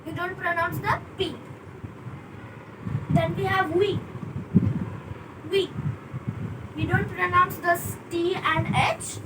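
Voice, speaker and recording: A young woman teaching basic French numbers, slowly repeating each word several times. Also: very high-pitched, steady tone. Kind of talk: basic language lesson. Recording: distant mic with traffic noise.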